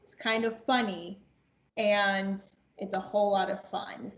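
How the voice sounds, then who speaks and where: A woman in her twenties, a podcast guest and amateur voice actress, tells a casual anecdote, acting out quoted dialogue and repeating phrases as she goes. Her mid-range voice is steady in tone and a little slow. The room is echoey, the audio dull, with slight background noise.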